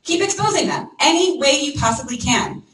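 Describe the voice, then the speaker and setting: A woman giving a lively training talk to a room of people, checking in constantly with "okay?" and "right?". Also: sits high, brisk, a little hiss or hum. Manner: energetic, acts out prospects' voices, frequent "okay?" and "right?". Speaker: network marketing trainer. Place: meeting room with an audience. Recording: echoey room, mic from far off.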